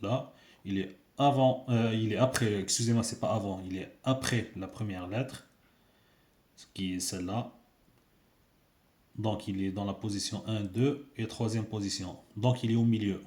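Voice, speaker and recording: A man's voice: lowish voice, fairly even intonation, moderate pace, darkish tone. A man teaching a casual video lesson, patiently repeating sounds for learners. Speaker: Arabic teacher. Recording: echoey room.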